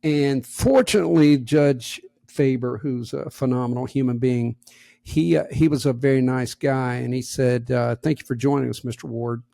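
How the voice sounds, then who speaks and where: A middle-aged man co-hosting a podcast, telling a lively anecdote in casual chat and acting out what people said. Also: medium pitch, normal speed, gravelly, no room sound, studio quality. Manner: animated anecdote teller, acts out quotes. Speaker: podcast co-host.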